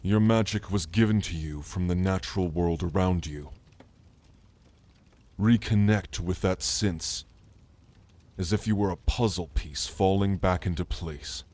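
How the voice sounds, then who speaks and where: With a deep voice, a man portrays a scholarly, calm orc shaman and gentle mentor in ASMR roleplay. His speech is measured, formal, and soothing, giving the clip a calm, hypnotic mood.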